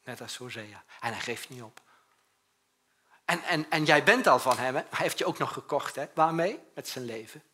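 A man preaching a sermon as pastor, in a conversational way, swinging between loud urgent bursts and quiet, low passages. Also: animated, moderate pace. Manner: conversational preaching, often tags on a questioning "hè?".

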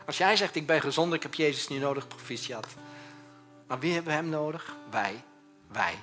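A man preaching a sermon as pastor, in a conversational way, swinging between loud urgent bursts and quiet, low passages. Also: moderate pace, faint music behind. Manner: conversational preaching, often tags on a questioning "hè?".

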